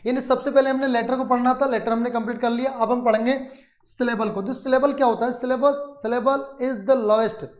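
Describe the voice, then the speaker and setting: A man with an Indian accent teaching a grammar lesson, asking and answering his own questions and dictating slowly word by word. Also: extremely high pitch, steady tone, roomy sound. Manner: explains in Hindi mixed with English, asks and answers his own questions.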